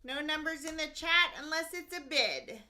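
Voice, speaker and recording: A woman's voice: high-pitched, moderate pace, bright, forceful tone. A woman calling bids in an auctioneer's manner, announcing amounts and countdowns in short clipped phrases.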